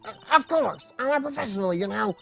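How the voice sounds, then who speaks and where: A man's voice: high voice, expressive, a little fast, gravelly, pushed and bright, faint music behind, pitched above the performer's own voice, full character voice, poor audio. A man voicing a chatty, cranky old woman security guard in a playful video game dub. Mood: gossipy.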